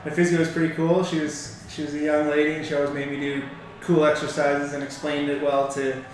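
A man in his thirties giving a casual interview in a halting, conversational way. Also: on the high side, level tone. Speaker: guest, physiotherapist. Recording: echoey, distant mic, noisy room.

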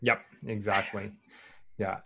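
A man's voice: fairly low pitch, level tone, slow, vocal fry, bright, forceful tone, slightly rough. A man co-hosting a podcast, talking through politics in a casual chat with long running thoughts and restarts. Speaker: podcast co-host.

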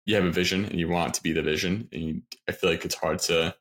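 Deep-voiced, encouraging podcast host. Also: male voice, steady tone, fast talker, a bit bright. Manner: upbeat, encouraging. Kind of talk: casual interview conversation.

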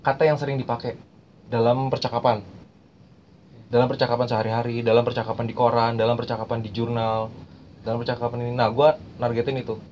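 On a muffled, lo-fi podcast recording with faint noise, a young male host talks quickly about language learning. His medium-pitched voice is a little mellow and barely moves in pitch. He uses slang and repeats phrases while explaining.

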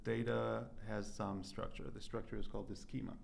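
Gravelly low-voiced man, convention interview. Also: little pitch movement, brisk, darkish tone. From Israel. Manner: explains methodically with frequent restarts. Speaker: guest, startup CTO. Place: convention hall.

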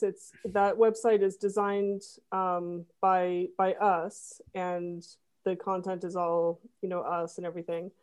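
A woman web designer, a guest on a casual podcast interview, rambles with fillers as she explains how she runs her site. Her voice is lowish and mellow.

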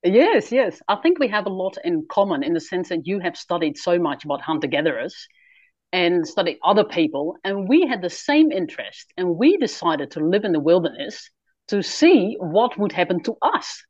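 A woman's voice: on the low side, very animated, moderate pace, a little mellow, husky, dry recording, highs cut off. A Dutch woman in her forties with a Dutch accent, a guest speaking candidly in an interview and laughing easily. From Netherlands. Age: 40s. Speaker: guest, author and traveler. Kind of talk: conversational interview.

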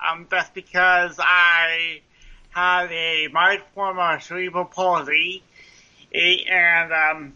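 A man with a speech impediment speaks haltingly and slurred, sounding like a muffled drive-through speaker, as a podcast guest telling his story. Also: on the high side, level tone, sharp tone, clean tone. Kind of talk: personal testimony in a podcast interview.

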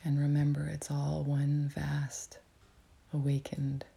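A woman with a cold and a nasal voice, softly half-whispering as she guides a meditation in a small cabin. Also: low-pitched, completely flat delivery, slow pace, creaky, husky. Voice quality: soft, half-whispered delivery. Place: writer's cabin with a crackling fire.

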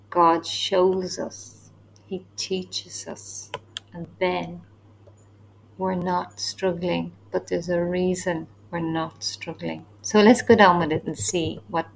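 Slow, earnest woman teaching faith. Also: fairly low pitch, gravelly, a little hiss or hum, low-quality recording. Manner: earnest and emphatic, acting out quoted voices. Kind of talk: spoken teaching podcast.

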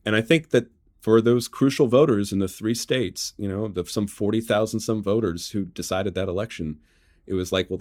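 Here the man is a guest on an interview, a journalist and author whose low voice has a slightly mellow quality. In brief, measured phrases he lays out political analysis in a conversational way, posing rhetorical questions as he goes.

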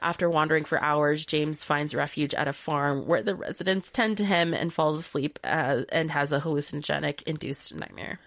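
Podcast co-host, woman, lower voice, dry close sound, casual and profane. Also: moderate pace, hardly any pauses, fairly bright tone, no echo. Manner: swears freely, laughs often, many fillers. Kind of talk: casual chat, recapping a film plot.

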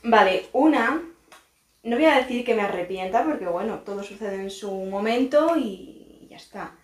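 A woman's voice: a little high, lively intonation, moderate pace. Reflective woman in roomy echo. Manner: open and reflective, laughs easily. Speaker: guest, actress. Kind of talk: casual podcast chat.

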